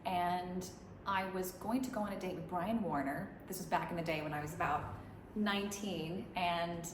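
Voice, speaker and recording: In an echoey, noisy room in Dubai, a female musician answers interview questions casually, rambling on at length and frequently starting over. She speaks at normal speed in a lowish voice.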